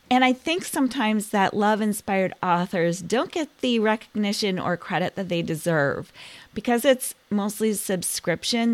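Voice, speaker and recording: Chatty woman podcast host, low voice. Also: no room sound. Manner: enthusiastic, chatty. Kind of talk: casual book recommendation talk.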